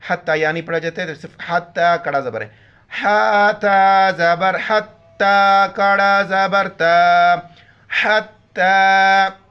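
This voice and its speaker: Slow, bright-voiced man teaching recitation. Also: sits high, clean tone. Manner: slow, drawn-out recitation alternating with quick spoken explanations. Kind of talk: Quran reading lesson. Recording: slightly dull lo-fi audio.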